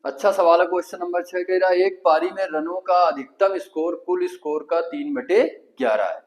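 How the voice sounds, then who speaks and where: A man with a Kanpuri Hindi accent teaches an exam-prep math lesson, putting questions to the class and working through the answers himself step by step. His voice sits high and he talks at a normal speed, though the audio quality is poor.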